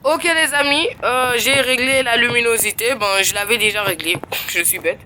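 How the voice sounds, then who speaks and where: A woman chatting casually to her viewers while playing a survival game, excitable and quick to squeal with surprise. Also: a little high. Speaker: gaming YouTuber. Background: game music.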